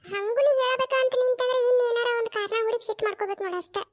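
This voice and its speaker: A performer doing a stubborn older cartoon mother-in-law with a North Karnataka Kannada accent, her voice pitched extremely high. She scolds in drawn-out, grumbling retorts at a quick clip. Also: fairly even intonation. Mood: scolding. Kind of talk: cartoon voice acting.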